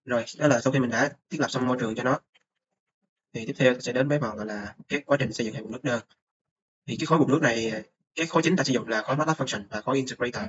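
A man's voice: mid-range voice, very fast, a bit bright. A young man, a student presenting a course report over a screen recording, talking hesitantly with many filler sounds. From Vietnam. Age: young adult. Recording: dull lo-fi mic with faint noise.

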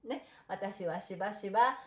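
A middle-aged woman teaching a textbook English lesson, reading model phrases slowly and deliberately. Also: mid-range voice, highs cut off. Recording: roomy echo.

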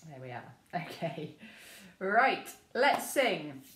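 An English woman leading a memory choir through gentle vocal warm-ups, speaking softly and encouragingly with frequent ums. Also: fairly low pitch, very animated, slow, roomy sound. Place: room at home with rain on the window.

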